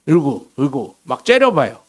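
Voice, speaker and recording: A middle-aged man preaching a sermon in a church, telling stories with lively swings between loud bursts and quiet asides. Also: mid-range voice, normal speed. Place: church sanctuary.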